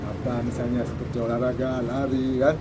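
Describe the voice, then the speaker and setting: A man's voice: mid-range voice, level tone, brisk, loud music behind the voice, low-quality recording. A man in his sixties from Aceh, speaking modestly and plainly as a soldier's father giving thanks. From Aceh, Indonesia. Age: 60s. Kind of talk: humble interview thanks.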